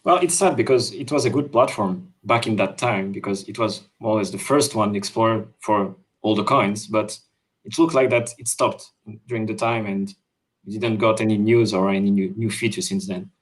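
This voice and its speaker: A Swiss-born man talks over a video call, explaining his app work with frequent pauses and "uh"s. His voice sits a little low. He sounds casual and unscripted, restarting sentences as he goes. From Switzerland. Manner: hesitant, many fillers and restarts. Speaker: crypto developer.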